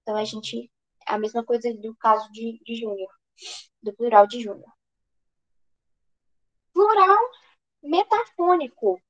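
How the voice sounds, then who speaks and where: A Brazilian-accented woman tutors for an exam in an online grammar lesson, speaking unhurriedly in a fairly high voice with long pauses. She poses questions and answers them herself, restarting often, and the recording sounds muffled.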